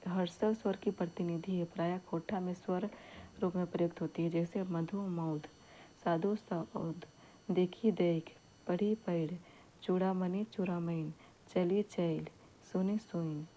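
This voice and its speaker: A woman teaching a grammar lesson at a very slow, measured pace, reading out each example word and then saying it again. Her voice is fairly low and mellow. A faint low rumble sits under the recording. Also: steady tone, poor audio. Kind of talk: exam-prep grammar lesson.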